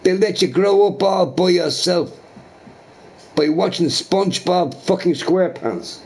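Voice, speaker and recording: A man, a live streamer ranting at a viewer in a mocking, repetitive and profane way, sometimes sinking to a low mutter. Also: measured pace, a little mellow. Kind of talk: angry rant at a chat viewer.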